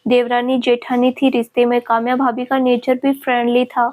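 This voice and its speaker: A woman storyteller reads a family story aloud in an even, steady way. Her voice sits fairly high and stays level, with little rise and fall. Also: normal speed, phone-quality sound, slight background noise. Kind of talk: storybook narration.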